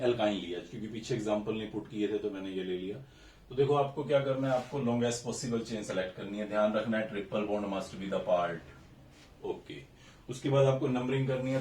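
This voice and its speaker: A man's voice: fairly low pitch, a little mellow, recorded from a distance, a little hiss or hum. A man teaching a recorded chemistry lesson, explaining step by step and counting carbons aloud while mixing English terms into Hindi. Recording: echoey room, voice a bit off-mic, faint ambience.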